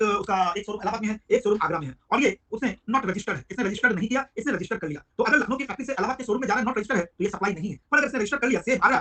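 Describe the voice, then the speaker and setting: Fast-talking man teaching a class. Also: high voice, sharp tone. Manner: rapid, chatty, addresses students by name. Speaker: GST teacher. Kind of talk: live online class lecture.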